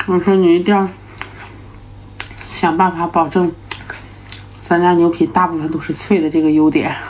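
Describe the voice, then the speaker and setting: A woman's voice: lowish voice, flat delivery, normal speed, darkish tone, a little hiss or hum. A woman vlogger chatting casually to camera while eating, talking while chewing, explaining matter-of-factly. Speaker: mukbang vlogger selling snacks.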